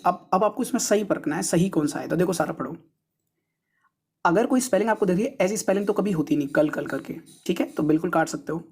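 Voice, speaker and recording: Husky, low-toned woman teaching spelling. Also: mellow. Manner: casual, keeps calling viewers brother, repeats words and spells them out letter by letter. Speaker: exam-prep teacher. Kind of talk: solving an English test paper aloud.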